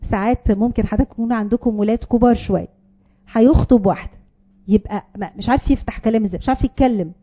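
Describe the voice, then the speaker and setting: A woman's voice: mid-range voice, dull audio. A woman with an Egyptian Arabic accent gives a parenting advice talk to an audience, earnest and explaining, with many fillers. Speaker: parenting speaker.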